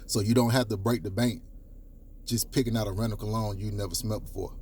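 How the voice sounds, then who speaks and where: A young man with a deep baritone voice, giving dating advice straight to camera in an emphatic, coaching way with casual swearing. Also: steady tone, fast, darkish tone, a little hiss or hum. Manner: coaching, emphatic, repeats points, casual profanity. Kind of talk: direct-to-camera advice talk.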